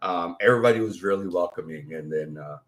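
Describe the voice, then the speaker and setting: A man from Mexico co-hosting a casual couple's vlog, playfully retelling stories and acting out quotes. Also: fast talker. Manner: playful, acts out quotes in high put-on voices. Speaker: vlog co-host. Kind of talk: casual chat.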